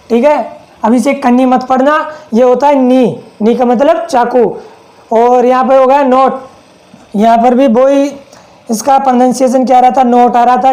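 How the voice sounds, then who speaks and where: A man's voice: very high-pitched, mellow, low-quality recording. A man teaching an English lesson with a Hindi accent, repeating points and asking rhetorical questions to check understanding. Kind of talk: classroom lesson.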